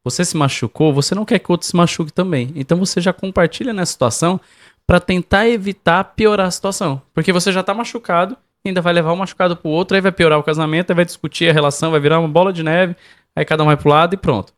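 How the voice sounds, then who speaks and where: A man's voice: high voice, rapid-fire. A man co-hosting a podcast, giving marriage advice in a didactic way and speaking straight to the listeners. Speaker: podcast co-host. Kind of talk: casual advice chat.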